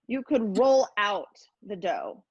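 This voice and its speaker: With a medium-pitched, sing-song and slightly rough voice, a woman slowly talks through a hands-on cooking demonstration, chatty and self-deprecating in a playful way. It's a dry, lo-fi recording.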